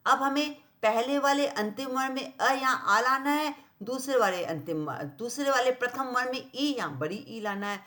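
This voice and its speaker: A woman's voice: high-pitched, fairly bright tone. A woman teacher explaining grammar to children at the board, spelling out each word and often asking if they follow. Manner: keeps checking understanding with "clear?" and "right?"; repeats and spells out words slowly while writing. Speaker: school teacher. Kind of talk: blackboard grammar lesson for children.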